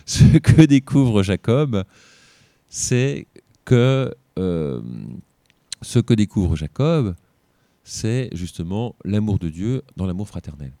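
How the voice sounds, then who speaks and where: A man's voice: fairly low pitch, expressive, slow pace, mellow, no echo. A tired man teaching an informal Bible lesson, reading scripture aloud and breaking off for joking asides.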